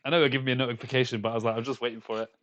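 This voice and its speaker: A man's voice: medium pitch, level tone, rapid-fire, fairly bright tone, highs cut off. An English man from London in his thirties, a game developer chatting casually with viewers on a live stream, rambling with stammered restarts and frequent laughs. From London, England.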